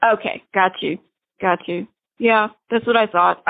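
A woman calling in to a radio show over the phone, laughing often and quick to agree. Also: medium pitch, steady tone. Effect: heard over the phone. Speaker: caller. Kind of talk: call-in question to a radio show. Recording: tinny phone line.

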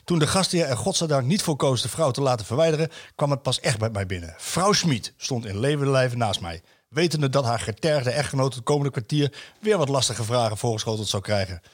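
A man hosting a football talk show. He reads a written piece aloud to his co-hosts, stopping often on fillers and restarts. His pitch sits in the middle range for a man. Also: expressive, a little fast, husky. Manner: hesitant, many fillers, chuckles while reading. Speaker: football radio show host. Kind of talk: casual chat, reading a column aloud.

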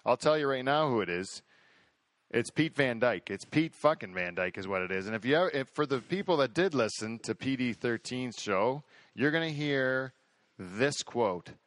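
A male podcast host with a middle-pitched voice rambles through a casual chat at a normal pace, bragging, getting excited and circling back on his own points. The recording is dry and close, with no room sound.

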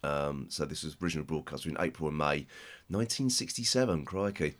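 British male podcast host, low and croaky with a chesty cold, casual and rambling. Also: lively intonation. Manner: halting, rambling delivery. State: chest infection, hoarse with a cold.

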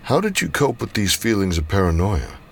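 A man playing a doctor who questions a patient in a measured way before a risky procedure. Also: on the low side, sing-song, vocal fry, a little hiss or hum. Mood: probing. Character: calm clinical man, procedure doctor, probing.

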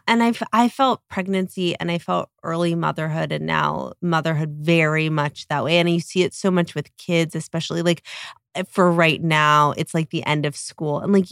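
A woman hosting a casual podcast chat in a low voice with plenty of vocal fry. She talks in a reassuring, conversational way, loose with fillers. The sound is dry and close. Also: no echo. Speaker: podcast host.

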